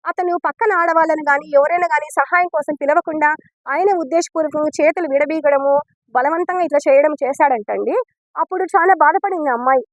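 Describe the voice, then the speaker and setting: A woman's voice: high-pitched, fast, no room sound, muffled recording. A woman gives a statement to news reporters as a mother and teacher. She sounds earnest and upset and recounts events step by step, ending sentences politely. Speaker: mother and school biology teacher.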